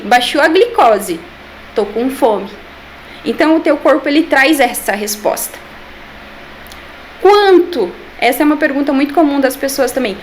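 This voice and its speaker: A woman's voice: sits high, a little hiss or hum. A Brazilian woman, a nutritionist, answering interview questions with patient explanations and rhetorical questions. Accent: Brazilian Portuguese. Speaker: nutritionist and eating therapist.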